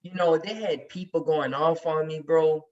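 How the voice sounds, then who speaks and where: A man's voice: fairly high pitch, steady tone, normal speed, darkish tone. A man talking emphatically and heatedly in casual chat as a regular on a sports podcast. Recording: distant, muffled recording.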